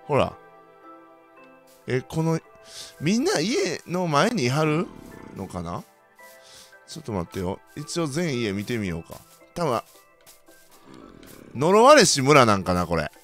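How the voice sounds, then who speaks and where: A young man with a Kansai accent commentating his own game play, bursting into loud reactions and then muttering quietly. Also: slow pace, long pauses, faint music behind. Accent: Kansai Japanese. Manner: excitable, reacts loudly to surprises, then mutters low. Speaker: gaming channel host.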